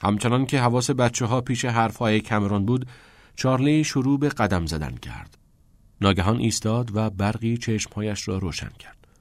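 Brief: low male narrator, measured, dry close sound. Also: dry recording. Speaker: audiobook narrator. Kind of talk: scripted narration.

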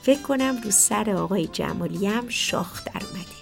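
A woman's voice: mid-range voice, lively intonation, gravelly, faint music behind. A woman narrating a children's story, speaking directly to the kids.

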